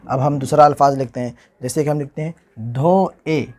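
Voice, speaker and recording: A man teaching Urdu handwriting, spelling each word slowly and repeating it, often asking how the letters are joined. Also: on the high side, fairly even intonation, a little mellow. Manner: slow, patient, repeats each word and asks "how will we join this?". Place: indoors, recording a tutorial without a camera.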